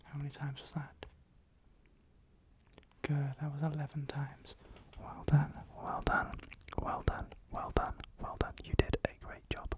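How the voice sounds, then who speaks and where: Someone in a whispered role-play as a calm, attentive clinic assessor, giving instructions softly and breathily and gently repeating phrases. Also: mid-range voice, measured pace. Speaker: ASMR performer.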